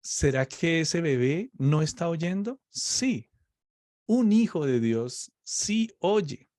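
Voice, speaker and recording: In a clean studio recording with no room sound, a preacher's fairly high, slightly mellow voice carries lively intonation. He teaches on faith conversationally, explaining slowly and checking understanding with "¿ok?" again and again.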